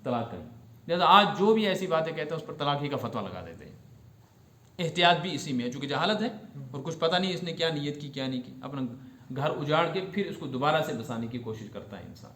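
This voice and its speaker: A man's voice: on the high side, expressive, bright, forceful tone, echoey room. A man giving a religious lesson, explaining rulings step by step and asking his students whether they have understood. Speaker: religious teacher.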